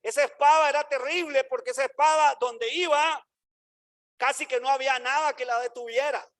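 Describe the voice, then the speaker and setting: A male pastor preaching a sermon, emphatic and full of rhetorical questions to the congregation, slowing down to stress points and sometimes shouting. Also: very high-pitched. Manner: swings between slow stressed phrases and sudden shouts.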